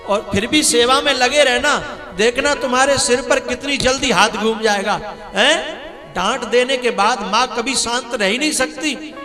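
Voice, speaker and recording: High-voiced preacher. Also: male voice. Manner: emotional, exhorting, rhetorical questions. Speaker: religious preacher. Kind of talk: devotional sermon with storytelling and song. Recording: long hall reverb with music behind.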